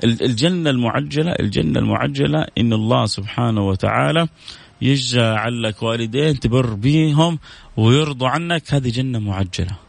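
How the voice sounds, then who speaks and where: A man's voice: mid-range voice, brisk, creaky, no echo. A man hosting a religious call-in show, chatting casually, reading viewer messages aloud and repeating phrases for emphasis. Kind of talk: casual broadcast talk with religious advice.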